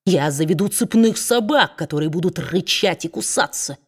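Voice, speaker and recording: A woman reading aloud, voicing a spiteful, domineering male dwarf who mocks and shouts at his wife. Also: fairly low pitch, expressive, normal speed, breathy edge. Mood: bellowing. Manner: sneering, bullying, shouting.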